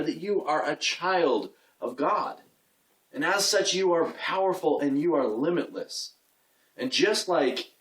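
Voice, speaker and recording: A young man giving an earnest, casual talk on faith, often repeating himself and restarting his sentences. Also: a little high. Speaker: video host giving faith advice. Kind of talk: casual inspirational talk to camera. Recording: roomy sound from a distance.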